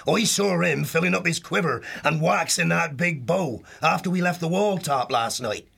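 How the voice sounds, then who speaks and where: A man voicing a plain-spoken young male abbey creature in an audiobook, matter-of-fact, with a husky, gravelly voice. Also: a little high, normal speed, a bit bright, voice pushed up, heavily acted.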